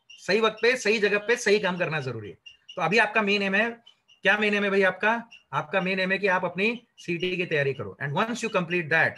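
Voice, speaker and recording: Bright high-voiced man lecturing students. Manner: lively, rhetorical questions, mixes English into Hindi. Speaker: career trainer.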